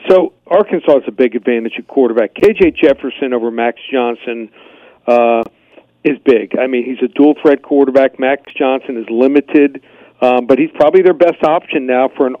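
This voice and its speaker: A man's voice: medium pitch, moderate pace, dry recording. A man giving sports betting analysis as a guest on a radio show. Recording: slightly dull, dry radio link.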